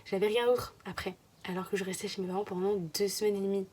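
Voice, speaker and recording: A woman's voice: medium pitch, little pitch movement, fast talker, a little mellow, breathy edge. A young woman from France chatting casually to her phone camera in a vlog, rambling and sometimes dropping to a whisper. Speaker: vlogger.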